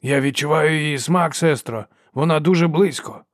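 A man's voice: a little high, dry recording, studio quality, pitched above the performer's own voice. A man doing a taunting sing-song hunter. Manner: loud, teasing, drawn-out calls.

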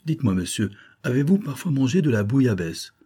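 A man reading aloud voices a mischievous old sailor who mocks a landlubber in a slow drawl. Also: mid-range voice, big pitch swings, dark tone, husky, pitched above the performer's own voice. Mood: sly.

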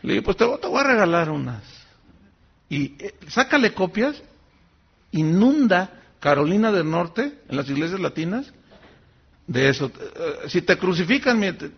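Animated gravelly pastor preaching. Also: male voice, moderate pace. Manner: animated, acts out quoted voices with sudden high pitch jumps. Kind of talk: sermon with storytelling. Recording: dull lo-fi sermon recording.

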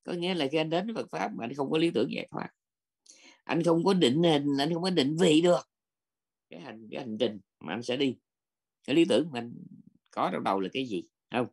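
Gravelly-voiced monk giving a blunt sermon. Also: male voice, fairly high pitch, animated, brisk, pauses often, a little mellow. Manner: blunt, scolding, asks "không?" for agreement. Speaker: Buddhist monk teacher. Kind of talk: dharma talk.

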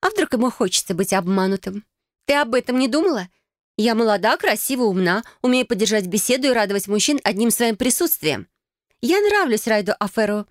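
A woman reading an audiobook voices a haughty young cousin, smug and taunting, pitching her voice up high and bright. The delivery is a little fast and steady in its cutting, mocking tone, close to her natural voice. The recording is dry and close, with no room sound at all.

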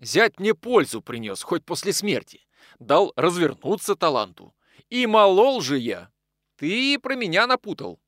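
A loud, hearty fellow, played by a male narrator, shouting his greetings high and strong. His voice leaps up and down with lively swings, dry and close to the mic. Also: no echo, full character voice. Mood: gossipy. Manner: exclaiming, boisterous, fast-shifting. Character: boisterous hearty man, loud and mocking. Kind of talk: audiobook character reading.

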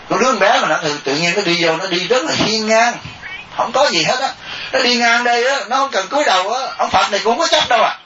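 A monk giving a dharma talk, animated and joking, often mimicking laypeople. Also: male voice, high-pitched, a little hiss or hum. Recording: distant echoey lo-fi recording.

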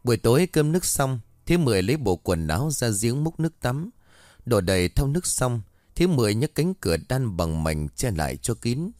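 A man narrating a ghost story in an expressive storytelling manner. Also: mid-range voice, brisk, dry recording, clean studio sound.

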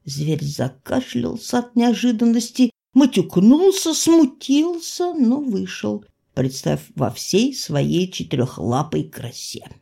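A woman narrating a fairy tale for an audiobook, with expressive storytelling and dramatic slowdowns. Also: a little high, vocal fry, breathy edge.

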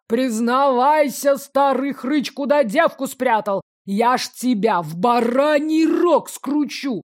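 A woman voicing a burly, angry middle-aged peasant father who bellows slowly and indignantly. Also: fairly high pitch, a little mellow.

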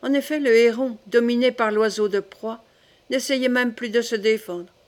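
A woman reading a classic French novel aloud as an audiobook, steady and literary. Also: on the high side, normal speed. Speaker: audiobook reader. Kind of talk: audiobook narration.

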